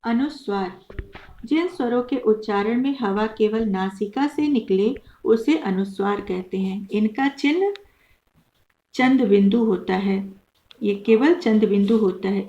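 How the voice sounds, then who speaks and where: A woman teaches a grammar lesson with a patient, step-by-step manner, going over each example slowly. Her voice sits on the higher side. The recording is thin and tinny, like a phone line. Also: dark tone.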